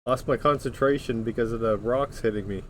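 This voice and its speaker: A man's voice: mid-range voice, a little fast, crowd noise. A man playing a tabletop game, talking plainly and practically. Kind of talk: casual tabletop game chat.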